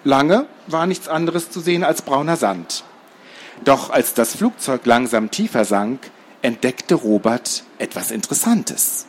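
A man reads a children's storybook aloud with a lively, animated delivery that rises and falls freely. His pitch sits in the middle. A faint hum of room sound runs underneath. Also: measured pace. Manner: lively, expressive reading. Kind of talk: reading a children's book aloud.

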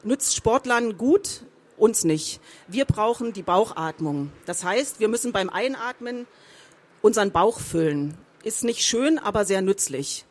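A woman's voice: animated, unhurried. Woman teaching speech technique. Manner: explanatory, demonstrates emphasis and pitch with example sentences. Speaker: professional voice-over speaker teaching reading aloud. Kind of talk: spoken lesson with read example sentences.

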